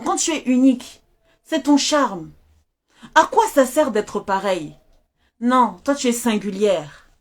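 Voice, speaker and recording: Animated woman coaching viewers live. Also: fairly high pitch. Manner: animated and emphatic, repeats phrases, asks viewers questions. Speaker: self-confidence coach hosting a live stream. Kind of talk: motivational live-stream talk. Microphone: wearing a mask while speaking.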